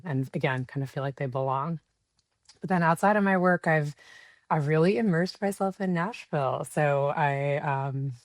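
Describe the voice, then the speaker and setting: A woman's voice: rumbling low, no room sound, clean studio sound. A woman in her thirties, a podcast guest speaking reflectively with many fillers. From United States. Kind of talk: podcast interview.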